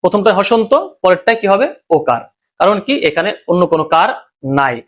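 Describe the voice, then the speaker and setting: A high-voiced man with a Bangladeshi Bengali accent teaches a recorded grammar lesson. He moves step by step and keeps asking his students questions, then answers them himself. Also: animated, brisk.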